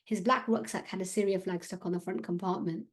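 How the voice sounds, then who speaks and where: Woman reading aloud, author reading her children's novel, steady expressive storytelling. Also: medium pitch, brisk.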